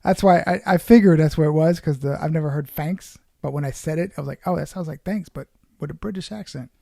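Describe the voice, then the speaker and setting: A man from Puerto Rico, born in New York, chats casually on a guitar stream, greeting people by name and cursing lightly. His voice sits a bit high, with a mellow, gravelly tone. The sound is dry and close, with no room around it. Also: quick pace, no room sound. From born in New York, raised in Puerto Rico. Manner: loose, chatty, greets viewers by name, swears casually. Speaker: livestream host and guitarist. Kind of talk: casual livestream chat reading comments.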